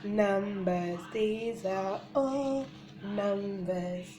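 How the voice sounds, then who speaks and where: A woman's voice: mid-range voice, extremely slow, over music. A woman teaching a young child to count in a sing-song, encouraging way, as a children's book presenter. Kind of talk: interactive counting lesson for small children. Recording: roomy echo with clear background noise.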